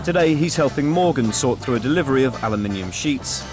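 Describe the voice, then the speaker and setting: Guy narrating a documentary, steady and even, faint music under it. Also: medium pitch, fast talker.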